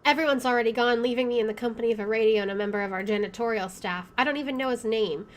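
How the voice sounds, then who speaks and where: She speaks very fast in a slightly high voice while doing a let's play, reading game text aloud and tossing out playful wisecracks along the way.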